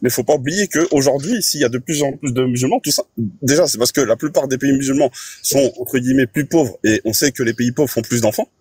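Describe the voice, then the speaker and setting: Earnest, quick, husky man for a live-debate caller explaining his point. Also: mid-range voice, a little mellow, no room sound. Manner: earnest, explanatory, asks "you see what I mean".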